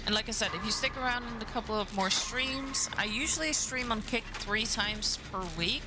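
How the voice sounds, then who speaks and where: Playing a game on a live stream, a Dutch-native woman chats casually and reacts aloud to the match. Her voice is on the high side at a moderate pace, with game music and other noise behind her.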